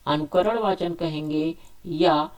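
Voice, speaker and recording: Slow and steady, with a slightly high voice, the male teacher leads a spoken quiz for an exam. He asks each question he reads, answers it himself, and goes over the options repeatedly.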